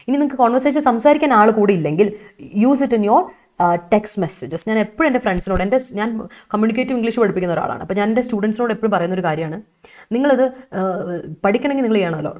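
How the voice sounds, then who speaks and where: A woman's voice: fairly high pitch, lively intonation, racing, a little mellow. A young woman with a Malayali accent teaching English vocabulary in an online exam-prep lesson, chatty and coaxing, repeating key points.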